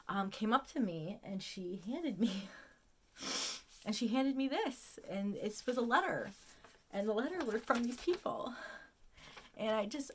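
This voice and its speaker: A woman telling a personal story to the camera, emotional and close to tears, often repeating words as she goes. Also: medium pitch. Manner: emotional, near tears at times. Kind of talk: casual storytelling.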